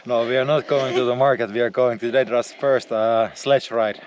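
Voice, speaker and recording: A man's voice: mid-range voice, fairly even intonation, normal speed, dull audio, a little hiss or hum. A man bantering and joking while pushing a sledge through snow outdoors, picked up by a phone camera held by someone else. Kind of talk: casual banter.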